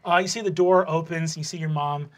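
Low-voiced rambling woman game master. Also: steady tone, brisk. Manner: rambling, many fillers and restarts. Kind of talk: narrating a tabletop game.

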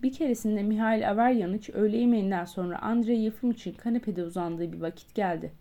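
A woman narrating a literary audiobook in a measured, even storytelling manner. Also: medium pitch, highs cut off. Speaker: audiobook reader.

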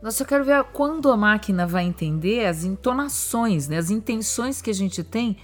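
A woman with a Brazilian Portuguese accent, co-hosting a podcast, curious and animated, often jumping in with questions. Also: medium pitch, moderate pace, faint music behind. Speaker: podcast co-host. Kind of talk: casual conversational chat.

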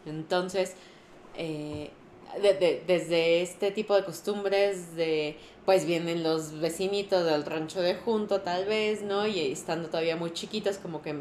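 A woman with a Mexican accent retelling a novel's plot in casual, animated chat, full of fillers. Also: lowish voice, unhurried. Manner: animated, laughs often, lots of fillers. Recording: echoey room with faint noise.

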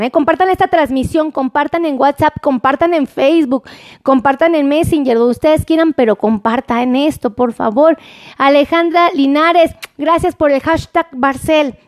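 Chatty high-voiced Mexican woman streaming live. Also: dry recording. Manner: chatty, greets viewers by name, repeats phrases. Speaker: live-stream host on nutrition and diabetes. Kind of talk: casual live-stream chat with viewers.

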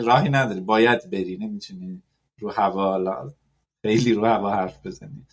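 A man's voice: fairly low pitch, breathy edge. Man, podcast host, casual rambling chat, lots of fillers, english loanwords.

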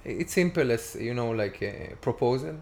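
A man in his forties with an Israeli accent, talking as a guest in a casual interview and often pausing to search for words. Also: medium pitch, lively intonation, creaky, a little mellow, a little hiss or hum. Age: 40s. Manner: halting, searching for words with many fillers.

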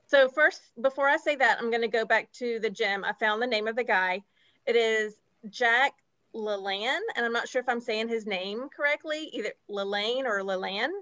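Higher-pitched woman, slightly muffled. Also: moderate pace, pushed and bright, dry recording. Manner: chatty, laughs easily. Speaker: podcast co-host. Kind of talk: casual chat.

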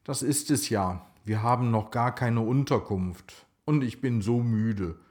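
A man's voice: mid-range voice, a little slow, a little mellow, close to an everyday voice. A man telling a children's story, voicing a tired, tearful pregnant woman. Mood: weary. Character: weary pregnant young woman.

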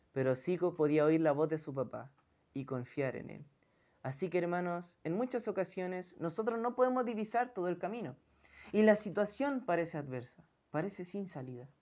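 A woman's voice: low-pitched, darkish tone. A woman preaching an earnest sermon, often calling her listeners brother.

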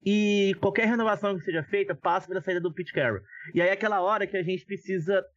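A man's voice: high voice, fairly even intonation, quick pace, no echo. A Brazilian man giving opinionated, casual sports analysis as a podcast commentator, on dull lo-fi audio.

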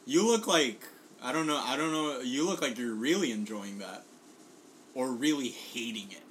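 A Puerto Rican man, a guest who brought food, chats casually during a tasting in an animated, mid-range, slightly bright voice at normal speed. He swears often and fills gaps with ums and laughter; the low-quality recording carries slight background noise.

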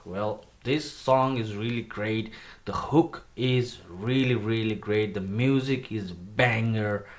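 The music reviewer, a Nepali native speaker from Nepal, chats enthusiastically in a casual rap-song review video and makes fun of his own put-on accent. He speaks on the low side and takes his time.

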